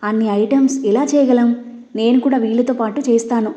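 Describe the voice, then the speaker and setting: A woman's voice: fairly high pitch, steady tone, a little fast, mellow, close to an everyday voice. A woman voicing a scheming young woman who talks sweetly and in a hurry. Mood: sly. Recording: roomy, dull lo-fi.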